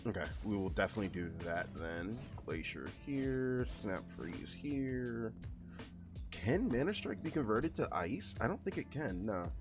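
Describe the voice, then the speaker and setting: A man's voice: on the low side, big pitch swings, unhurried, music in the background. A young man streaming a game, chatting casually with friends and laughing often. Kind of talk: casual gameplay chat.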